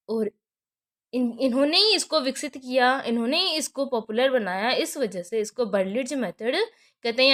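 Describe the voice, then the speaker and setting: A young woman with a Hindi accent teaches an exam-prep lesson in a fairly high voice. She keeps posing questions and answering them herself, circling back to repeat the key terms so they stick. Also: a bit bright.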